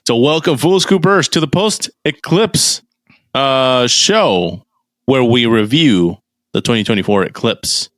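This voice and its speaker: A man hosting a casual podcast chat in a studio, talking in a laid-back, halting way with many fillers. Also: medium pitch, lively intonation, fairly bright tone, dry recording. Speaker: podcast host.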